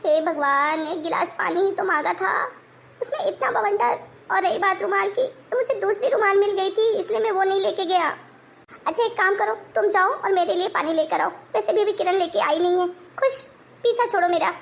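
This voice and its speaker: A woman's voice: extremely high pitch, moderate pace, vocal fry. A woman voicing an exasperated young husband who pleads and sighs in a family story. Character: exasperated young husband, patient but fed up.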